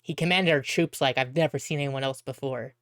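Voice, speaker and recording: A drunken sailor bellows his boasts across a tavern, played by a woman. His voice sits low and sounds close and dry. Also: a little fast, no echo. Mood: boastful. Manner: loud, slurring boast. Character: tipsy loud male sailor.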